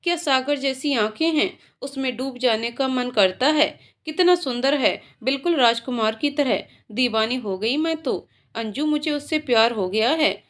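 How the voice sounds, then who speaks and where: A woman's voice: sits high, animated, measured pace, few pauses, fairly bright tone. A woman voicing a dreamy, lovestruck young woman in a storybook tale, gushing and playful. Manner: gushing, teasing.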